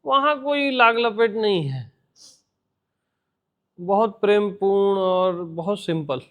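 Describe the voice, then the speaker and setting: A man with a high voice gives an unhurried devotional talk. He guides his listeners gently and softly repeats a chant over and over as he teaches. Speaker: spiritual teacher.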